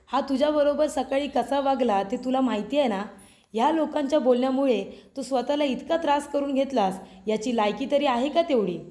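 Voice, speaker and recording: A woman with a high, mellow voice and a Marathi accent narrates a voice-over recap of a TV serial episode. She reads the characters' lines in an emphatic, scolding way.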